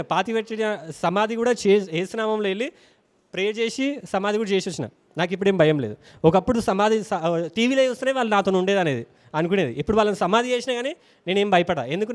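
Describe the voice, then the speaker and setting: A man preaching a sermon, telling stories animatedly and acting out voices. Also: high voice. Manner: animated, acts out quoted voices. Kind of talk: sermon with personal storytelling. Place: church.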